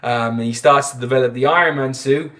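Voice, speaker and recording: A man's voice: medium pitch, fairly even intonation, fairly quick, fairly bright tone. A young man from Ireland talking casually about films on his vlog, chatty and full of fillers and restarts. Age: young adult. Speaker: film vlogger. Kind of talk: casual film retrospective.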